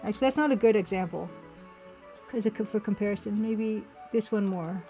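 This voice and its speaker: Over background music, a pixel artist hosting a livestream talks informally as she draws, thinking out loud and responding to chat. Her mid-range voice is warm and brisk, and the recording sounds muffled.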